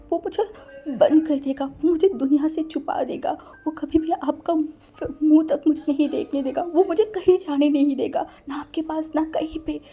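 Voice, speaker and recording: A terrified young man in a storybook reading, sobbing as he pleads, as a woman puts him on. His voice climbs high and loud and strains through the tears. The tone stays soft and mellow underneath. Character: frightened young man, crying.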